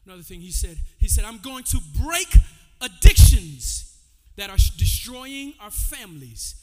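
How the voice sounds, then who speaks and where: High-voiced preacher man in a reverberant hall. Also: big pitch swings, moderate pace, dark tone, soft background music. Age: 40s. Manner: call-and-response preaching, loose and conversational. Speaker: pastor. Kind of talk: sermon. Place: church sanctuary.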